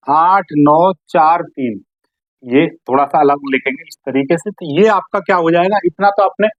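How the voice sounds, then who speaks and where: A woman teaching math in a classroom style, asking questions and answering them herself, often checking whether listeners follow, and stretching out key terms slowly. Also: mid-range voice, no room sound, highs cut off.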